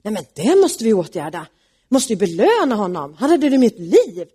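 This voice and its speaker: A woman voicing a forgetful, easygoing king in a casually retold story, in a somewhat husky voice. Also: mid-range voice, big pitch swings, warm tone.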